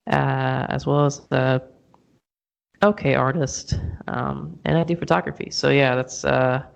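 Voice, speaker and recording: A man's voice: mid-range voice, vocal fry, clear, resonant tone. A man being interviewed about his podcast, chatting casually in a rambling, self-deprecating way.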